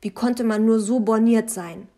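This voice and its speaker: A woman's voice: a little high, steady tone, unhurried, dark tone. A woman reading a first-person novel aloud expressively. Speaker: audiobook narrator.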